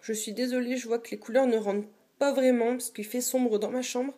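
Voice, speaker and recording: A young woman vlogging from a dim bedroom, her voice sitting a little high. She talks in a casual, chatty show-and-tell way. She pauses often and fills the gaps as she goes. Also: steady tone, dark tone. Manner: chatty, hesitant, many fillers. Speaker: beauty vlogger.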